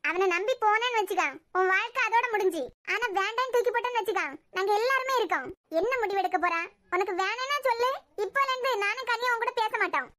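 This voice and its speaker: A woman voices a blunt, protective young friend in a cartoon series, lecturing firmly in a Kanyakumari Tamil accent. Her voice is very high, fast and sharp.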